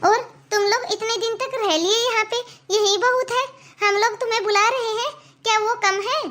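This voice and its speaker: Cartoon aunt, sharp and lecturing, very high and bright, a woman doing it. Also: fairly even intonation, moderate pace. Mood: scolding. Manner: lecturing, blunt. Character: sharp-tongued scolding woman, the girl's aunt by marriage. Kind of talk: cartoon voice acting.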